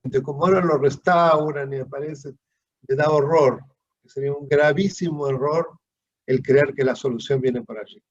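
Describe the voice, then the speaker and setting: A man's voice: on the high side, normal speed, no echo. A man, a guest on a political talk show, speaking critically and indignantly. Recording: dull lo-fi sound, dry.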